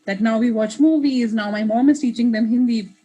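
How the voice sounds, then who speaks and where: Speaking briskly with a warm tone and a fairly high pitch, a woman in her thirties chats as an interview guest. She is reflective and casual, frequently restarting her thoughts and slipping in asides.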